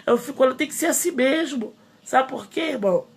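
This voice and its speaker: A woman pastor in her thirties with a Brazilian accent preaches with fiery indignation. Her voice sits a bit high, with a gravelly, husky edge. She builds her sermon in rising bursts. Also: animated, a little fast. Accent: Brazilian Portuguese. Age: 30s. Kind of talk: impassioned sermon.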